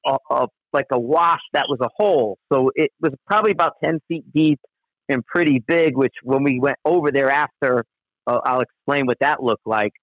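Man telling a rambling story, slightly high voice. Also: dry recording. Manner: rambling, profane, frequent restarts. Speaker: guest storyteller. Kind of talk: casual spoken anecdote. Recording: dull, dry lo-fi recording.

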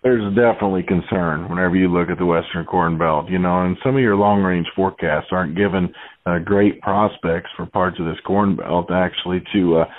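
A man's voice: sits low, steady tone, fairly quick. A man speaking over the phone as a market analyst guest in a casual interview, rambling with plenty of "you know" and "uh". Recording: tinny phone line.

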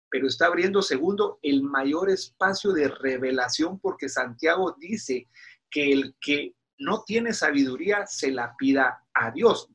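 A middle-aged man from Guatemala speaks as a podcast guest, earnest and preacherly, often restarting his sentences. His voice is husky and bright, sitting fairly high for a man. He talks like a pastor giving advice. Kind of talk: casual interview talk.

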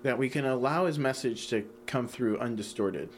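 A man's voice: mid-range voice, moderate pace, slight background noise. A man hosting a spiritual discussion, explaining ideas earnestly and leaning on "you know".

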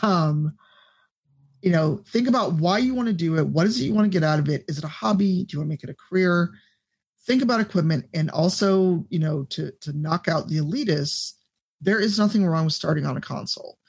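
A woman with a deep, husky voice, a streamer appearing as a podcast guest, hands out blunt, profane advice in casual chat, speaking briskly.

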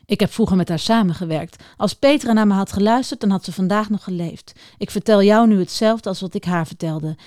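A secretive grown man hisses hurried warnings in a storybook read-aloud, as a woman reader puts him on. The voice sits at a middle pitch and sounds dry and close, with no room around it. He speaks tensely and urgently. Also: a little mellow, dry recording, natural voice. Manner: urgent, hissing, snapping. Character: secretive hissing adult man warning a boy.

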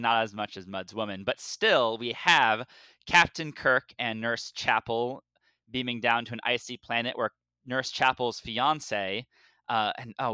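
Bright, crisp man co-hosting a podcast. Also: mid-range voice, no room sound. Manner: dry joking, relaxed storytelling. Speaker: podcast co-host. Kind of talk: casual podcast chat, episode recap.

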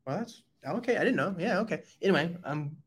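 Male host, excitable, stumbling, casual chat. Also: high voice, brisk, slightly rough. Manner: excitable, stumbling restarts and laughs. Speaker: podcast host.

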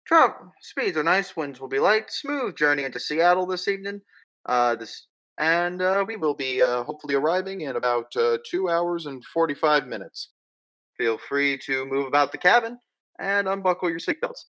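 An airline captain comes on for a calm cabin announcement, as a man puts him on while running a game. The delivery has a steady announcer's cadence with a few stumbles over the figures. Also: fairly high pitch, normal speed, pitched above the performer's own voice, poor audio. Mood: calm, official. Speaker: game master.

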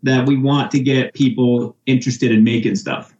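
A man's voice: mid-range voice, steady tone, moderate pace, darkish tone. A man chatting on a podcast as a guest about a film festival he helped run, talking earnestly with lots of fillers. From Fresno, California. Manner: earnest, rambling, many fillers. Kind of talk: casual podcast chat. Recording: roomy and dull, lo-fi.

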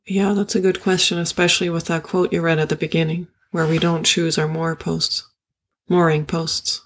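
A woman who grew up in Germany, co-hosting a casual book discussion in a soft-spoken, thoughtful way. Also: on the low side, little pitch movement, moderate pace, slightly rough. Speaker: podcast co-host.

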